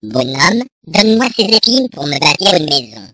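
Reader doing a stubborn little storybook pig, cheeky, bright voice. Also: medium pitch, sing-song, moderate pace, slightly rough, dry recording, full character voice. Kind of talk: storybook reading.

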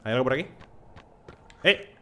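A man's voice: mid-range voice, fairly quick, a bit bright, a little hiss or hum. A man from streaming a video game, chatting casually with his viewers and reading the game's text aloud. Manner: casual, chatty, talks to chat and reads dialogue. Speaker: gaming streamer.

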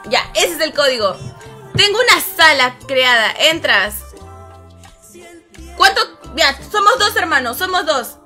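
A young woman chats casually on a live game stream, greeting viewers by name and reading out their comments, with soft music behind her. Her bright, forceful voice swings widely in pitch and sounds a little strained and rough. She tends to close phrases with a low, drawn-out "hermano."

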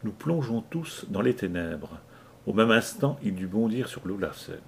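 A man narrating an adventure novel aloud in a measured, dramatic reading. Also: fairly low pitch, expressive, creaky, a little hiss or hum. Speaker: audiobook reader. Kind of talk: scripted narration.

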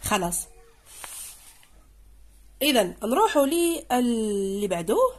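A woman teaching English to secondary students in Algerian Arabic, going through an exam and reading out English words slowly, again and again. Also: a little high, big pitch swings. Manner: explains in dialect, reads English slowly and repeats words.

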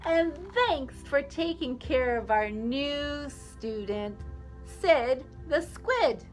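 Kindly sea-creature schoolteacher, warm praising tone, lively pitch, a woman doing her. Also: drawn-out words, faint music behind, exaggerated voice.

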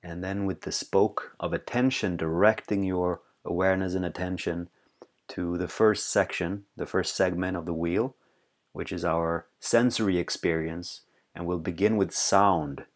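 Short, soothing phrases separated by pauses come from a deep-voiced man leading a guided meditation as a teacher, his delivery calm and without hurry.

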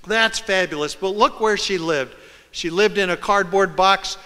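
A man's voice: high voice, a little slow, bright, forceful tone. Dramatic male reporter in a hall. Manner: dramatic, acts out scenes and quotes. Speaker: reporter giving a public talk. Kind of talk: storytelling lecture. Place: large lecture hall. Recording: reverberant hall.

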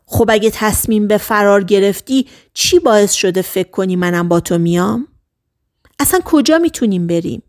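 A woman reading the part of a bitter, sardonic middle-aged man on the run in an audiobook, in quick, wry, exasperated lines. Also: mid-range voice, natural voice.

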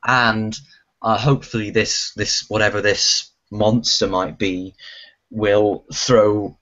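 Man, vlog co-host, lowish voice, chatty, dull lo-fi recording. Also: little pitch movement, slow pace, a bit bright. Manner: chatty, repeats words. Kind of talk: casual chat. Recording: dull lo-fi sound.

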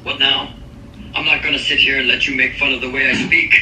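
A man's voice: medium pitch, flat delivery, brisk, pushed and bright, a little hiss or hum. A synthetic man's voice playing a vain, touchy young female pop star who talks back indignantly, played back over a speaker. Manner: indignant, defensive. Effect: synthetic text-to-speech voice. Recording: echoey speaker playback, faint music.

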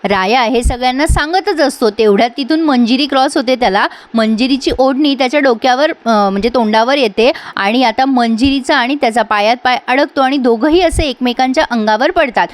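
A woman's voice: high-pitched, fairly quick, few pauses. A woman recapping a TV serial episode in a chatty, storytelling way. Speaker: serial reviewer.

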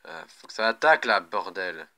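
A man's voice: low-pitched, very animated, normal speed, pushed and bright. A man commentating live on a mobile game as a raging gamer, irritable and prone to swearing. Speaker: gaming video host.

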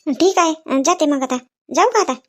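A woman's voice: high-pitched, expressive, moderate pace. A woman playing a village wife in a comic sketch, teasing and scolding her husband.

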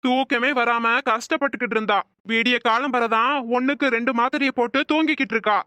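An actor voicing an elderly father in a comic cartoon, speaking calmly and slowly. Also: medium pitch, clear, resonant tone, no room sound, close to an everyday voice.

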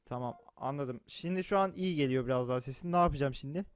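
A young man streaming, frustrated and prone to angry shouting, talking into a desk mic. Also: mid-range voice, quick pace, a little hiss or hum. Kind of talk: live stream chat.

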